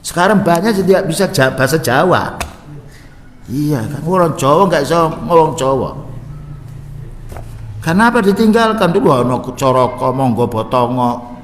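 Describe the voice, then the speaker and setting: A man giving a religious study lecture in a mosque, explaining in Indonesian and reciting Arabic verses slowly and drawn out. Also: fairly high pitch, expressive, slight background noise. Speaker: Islamic religious teacher. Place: mosque hall. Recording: echoey reverberant mosque hall.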